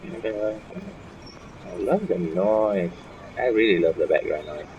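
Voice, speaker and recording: A gaming streamer with a deep voice gives casual, rambling commentary while playing, often muttering to himself. His intonation is lively and his pace measured. The mic sounds slightly dull, with a little hiss or hum and game music in the background.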